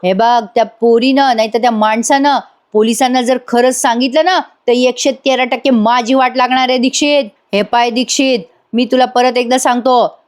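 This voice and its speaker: A woman's voice: fairly high pitch, voice pushed up, lightly acted. Brief: a raging, scheming male crime boss, raised and threatening , as a woman narrator voices him. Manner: shouting, threatening. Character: angry scheming older male gang boss.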